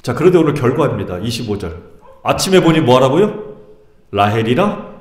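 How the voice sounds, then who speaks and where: A middle-aged male pastor preaches in a church, his voice rising and falling in lively swings. He keeps turning to the congregation with questions. The sound carries a roomy church echo. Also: medium pitch, a little fast. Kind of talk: sermon. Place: church sanctuary.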